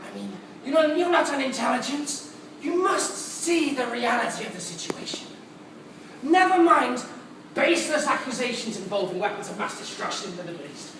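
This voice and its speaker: A man's voice: very high-pitched, expressive, normal speed, fairly bright tone, heavily acted. A man playing a mad, theatrical supervillain clown in a dramatic, mocking stage monologue. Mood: manic outrage. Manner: theatrical, mocking, dragging out words for emphasis. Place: large cinema auditorium. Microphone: distant recorder in the room. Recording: echoey, noisy hall recorded from far off.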